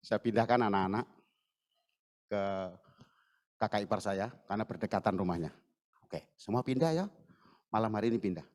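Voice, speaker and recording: Lively man preaching a story sermon. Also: lowish voice, measured pace, pauses often. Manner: lively storyteller, acts out dialogue in raised voices. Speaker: pastor. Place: church service.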